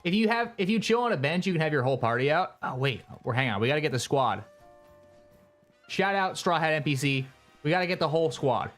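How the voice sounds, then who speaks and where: A live streamer giving rambling, chatty gameplay commentary while talking to chat, with excitable bursts. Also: medium pitch, fairly quick, faint music behind.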